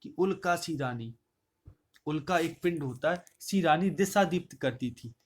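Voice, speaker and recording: A male teacher explaining a poem line by line, reciting each verse louder and then paraphrasing it in plain words. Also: on the high side, a little slow. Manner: repeats and rephrases words to explain them.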